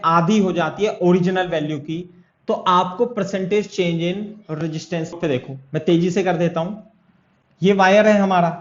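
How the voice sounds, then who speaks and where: A male physics teacher giving a classroom lecture, working through a problem step by step and often checking whether his students follow. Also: high-pitched. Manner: explains step by step and keeps asking if students follow. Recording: echoey room, dull lo-fi sound.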